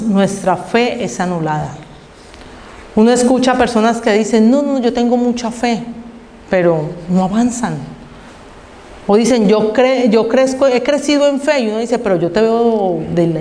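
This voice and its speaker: A woman pastor preaching a sermon, reading scripture slowly and asking the congregation rhetorical questions. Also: on the high side, darkish tone. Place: church hall. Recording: echoey church hall with long reverb.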